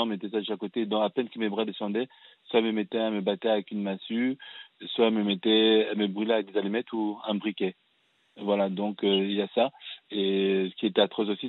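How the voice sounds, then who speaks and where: Flat, low-voiced man on a phone line. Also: dry recording. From Cameroon. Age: 30s. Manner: earnest, halting storytelling with frequent restarts. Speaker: caller. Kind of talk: phone-in personal testimony. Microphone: telephone.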